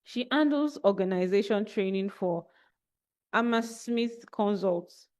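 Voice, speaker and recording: A woman's voice: medium pitch, lively intonation, a little slow, darkish tone. Nigerian woman reading a formal bio. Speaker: barrister reading a guest speaker's bio. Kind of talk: reading a biography aloud.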